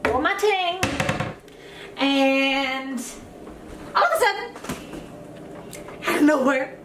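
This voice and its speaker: High-voiced woman telling a playful story. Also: expressive, slow pace, noisy background. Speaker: vlogger. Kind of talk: casual chat. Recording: echoey room.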